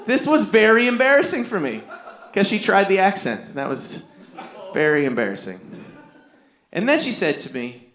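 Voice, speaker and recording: A middle-aged man from Canada performing stand-up comedy, telling stories briskly and acting out the voices of people in them. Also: sits high. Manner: lively storytelling, acting out other people's voices. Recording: echoey room.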